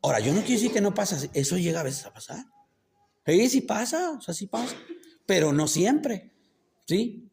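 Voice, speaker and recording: Lively, gravelly preacher man. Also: high voice, normal speed. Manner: keeps quizzing the congregation with rhetorical questions; colloquial, joking asides. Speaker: pastor. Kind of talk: sermon. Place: church.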